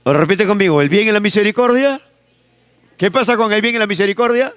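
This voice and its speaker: A man's voice: sits high, quick pace, smooth, no echo. A male pastor from Peru, preaching a sermon with a Peruvian Spanish accent and leading the congregation in repeating phrases back to him.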